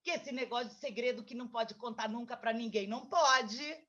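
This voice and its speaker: A woman, a children's author, tells a story to a child in a lively, coaxing way. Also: a little high, a little fast. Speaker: children's book author, guest. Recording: dull lo-fi recording.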